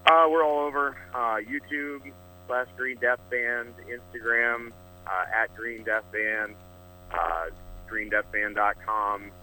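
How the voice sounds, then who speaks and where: A man from Iowa calling in over the phone as a band's guest, answering casually with frequent hesitant pauses. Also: medium pitch, fairly even intonation, sharp tone, slight background noise, low-quality recording. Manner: hesitant, many filler pauses. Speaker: band member, phone-in guest.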